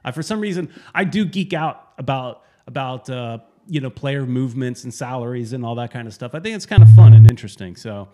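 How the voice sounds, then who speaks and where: A man co-hosting a casual sports podcast, rambling and correcting himself as he talks, with sudden animated bursts. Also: medium pitch, brisk, few pauses. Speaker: podcast co-host.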